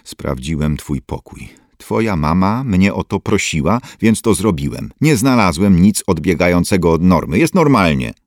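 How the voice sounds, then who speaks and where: Male narrator playing pompous cousin, boastful and indignant, swinging pitch. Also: big pitch swings, normal speed, hardly any pauses, no room sound, clean studio sound, full character voice. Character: pompous male cousin, loud and self-assured.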